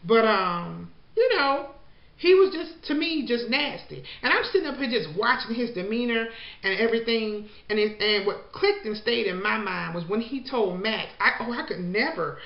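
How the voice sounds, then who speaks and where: A woman's voice: a little high, animated, normal speed, gravelly. A woman recapping a show in a casual, chatty way, full of "you know" and "like," and slipping into the voices of the people she quotes. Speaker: show reviewer. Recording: echoey, dull lo-fi room sound.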